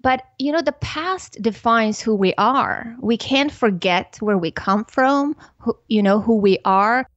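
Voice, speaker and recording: A woman, a guest on a podcast, speaking in an earnest, measured, thoughtful way. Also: on the high side, expressive, dry recording. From Armenia. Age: 40s. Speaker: podcast guest, parenting educator. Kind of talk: reflective interview talk. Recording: slightly muffled dry recording.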